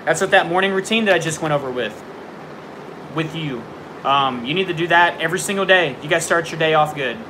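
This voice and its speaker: Brisk and a bit high, a young man's voice carries over background noise as he hosts a casual livestream from home. He responds to viewer questions with frank, filler-strewn tough-love advice. Near a window during a storm, he's on edge and jumps at the thunder.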